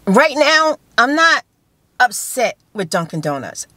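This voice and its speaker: A fifty-year-old woman chats to her phone camera from a parked car, talking with her hands and circling back to repeat her points. Her voice sits a little high for a woman. The sound is close and dry, with no room echo. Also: slow pace. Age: 50s. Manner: animated storytelling with hand gestures and repeated phrases. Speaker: vlogger. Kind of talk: casual chat to camera. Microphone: phone camera held close.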